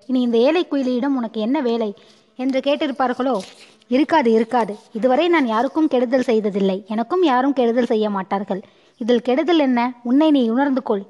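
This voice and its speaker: Anxious young courtesan pleading with herself, slightly high, lo-fi audiobook; woman narrator voices her. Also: a little mellow, in a large hall, lightly acted. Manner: pleading inner monologue. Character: lovesick young courtesan girl, anxious and self-doubting.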